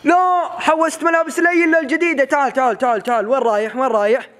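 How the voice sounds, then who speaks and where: A man giving rapid, playful, teasing commentary as he films his family. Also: very high voice, fairly even intonation, a bit bright. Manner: rapid, playful, teasing narration with many calls and repeats. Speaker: family vlogger filming his child. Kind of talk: excited running commentary on a family video.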